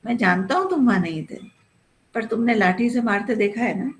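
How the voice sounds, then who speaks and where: A woman's voice: fairly high pitch, expressive, fairly quick, natural voice, poor audio. Woman as a scheming male inspector, scolding, condescending, storybook reading. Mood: lecturing. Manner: scolding, lecturing.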